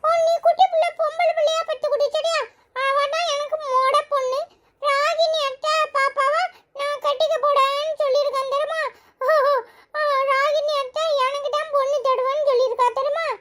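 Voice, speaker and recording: A woman doing a squeaky cheeky little boy. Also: steady tone, moderate pace, fairly bright tone. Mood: chatty. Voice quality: squeaky, giggly. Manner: teasing, rambling, singsong. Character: chatty little village boy, cheeky nephew. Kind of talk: cartoon storytelling.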